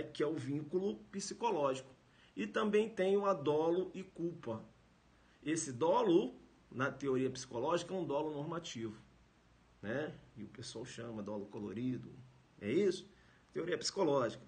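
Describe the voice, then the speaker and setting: A man's voice: a little high, fairly bright tone. A man with a Brazilian Portuguese accent giving a live-streamed law lecture, emphatic, repeating phrases and adding tag questions. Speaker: law teacher.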